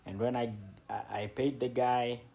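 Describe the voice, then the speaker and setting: A travel vlogger and city guide with a medium-pitched, creaky, warm voice speaks at a normal speed in a steady tone. He guides viewers along city streets with casual, conversational commentary, often repeating words for emphasis, amid outdoor street noise.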